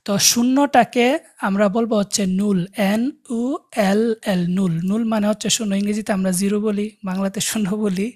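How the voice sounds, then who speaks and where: A woman teaching an online language class over a video call. She spells words out letter by letter and has the students repeat after her. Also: mid-range voice.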